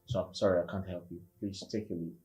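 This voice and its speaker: A bitter man played by an actor speaks in a lowish voice in a screen drama. He is stern, measured and coldly polite, with faint music underneath. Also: level tone, warm tone, natural voice. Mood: cold refusal. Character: embittered, unforgiving man, coldly civil while refusing. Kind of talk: film drama acting.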